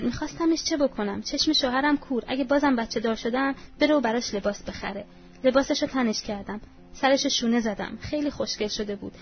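Woman, fairly high voice, reads a short story in an intimate, confessional tone; muffled radio audio, soft music underneath. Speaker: story reader. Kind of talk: reading a short story aloud in first person. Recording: dull lo-fi radio recording, faint music.

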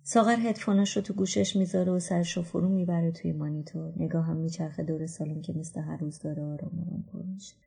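A woman reading a literary novel aloud in the first person, quiet and introspective, sometimes dropping to a whisper. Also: on the low side, little pitch movement, gravelly, few pauses, breathy edge. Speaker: book reader.

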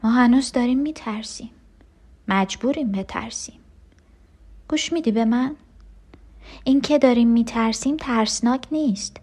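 A woman's voice: fairly high pitch, long pauses, darkish tone, breathy edge. An actress playing a frightened unborn twin girl who clings to her sister and pleads with her. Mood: anxious. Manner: urgent, breathless pleading with sudden cries. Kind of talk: radio drama acting.

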